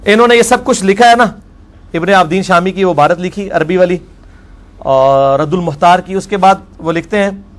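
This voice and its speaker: High-voiced man giving a religious lecture. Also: moderate pace. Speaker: religious scholar.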